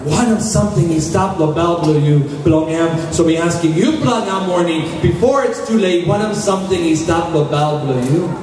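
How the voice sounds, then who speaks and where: A very echoey, distant recording of a male pastor preaching in Papua New Guinea Pidgin. His voice is high for a man, with a Papua New Guinean accent. He exhorts and pleads, repeating his appeals straight to the listener over clear background noise. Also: normal speed, hardly any pauses, a little mellow. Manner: exhorting, pleading, repetitive direct address. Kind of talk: sermon and prayer in Papua New Guinea Pidgin (Tok Pisin). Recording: echoey, noisy room, far from microphone.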